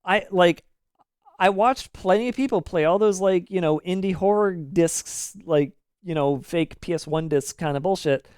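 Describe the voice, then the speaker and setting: A man in his thirties rants through a live game stream, opinionated and casually swearing. His fairly high, smooth voice has a darkish tone and a moderate pace. The audio is dry and close, with no room echo.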